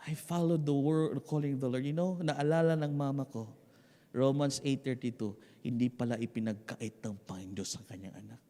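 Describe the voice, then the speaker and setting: Impassioned Filipino preacher in echoing hall. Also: male voice, mid-range voice, fairly even intonation, moderate pace. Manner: impassioned, swings between hushed and shouting, mixes English and Tagalog. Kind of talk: sermon testimony. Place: church sanctuary. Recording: long hall reverb.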